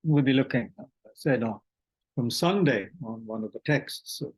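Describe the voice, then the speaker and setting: Halting man giving a dharma talk. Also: medium pitch, expressive, rough recording. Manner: halting, many fillers and restarts, clears throat often. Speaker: Buddhist meditation teacher. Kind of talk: dharma talk, reading questions from chat.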